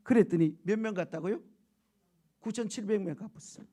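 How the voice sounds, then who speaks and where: A male pastor preaching a lively sermon, often asking the congregation questions and acting out the quotes he tells. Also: sits high, moderate pace. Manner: animated storytelling with shouted quotes and laughter; keeps prompting the congregation for answers.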